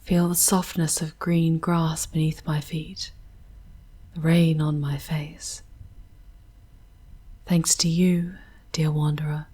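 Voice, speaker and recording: A woman plays a charming demon woman guiding a mortal in an ASMR fantasy drama. Her voice is low and heavily breathy, often sinking toward a whisper. She speaks slowly, in tender, wistful, poetic phrases with formal diction. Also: level tone, warm tone, full character voice. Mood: longing. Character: charming female demon Lilith, wistful, eloquent, tender guide. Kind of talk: ASMR roleplay, soft theatrical narration.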